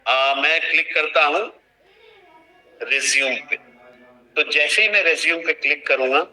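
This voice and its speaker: Heard through a rough recording, the young trainer speaks in a slightly high, bright, forceful voice without hurrying. He guides an online team through a task on a video call during screen-share training, restating each instruction as he explains.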